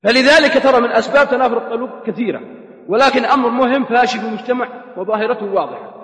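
A man with a Saudi accent giving a lively, humorous sermon and acting out the voices of the people in his stories. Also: very high voice, racing. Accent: Saudi Arabic. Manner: animated, acts out quoted voices. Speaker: preacher. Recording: echoey hall reverb.

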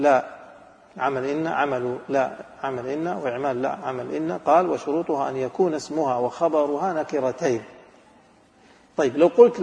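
A man's voice: on the high side, darkish tone, big-room sound. A man teaching an Arabic grammar lesson, asking his students questions and then answering them himself. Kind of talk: classroom lesson.

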